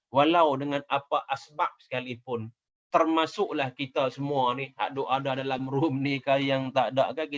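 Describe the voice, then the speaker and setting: A man's voice: a little high, a bit bright, lo-fi sound. A man giving a sermon as a religious teacher, emphatic, repeating his phrases and chanting Arabic quotations.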